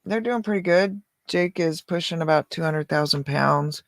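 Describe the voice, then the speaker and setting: A man's voice: fairly high pitch, normal speed. A man chatting and telling stories casually in a laid-back stoner manner. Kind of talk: casual chat and storytelling.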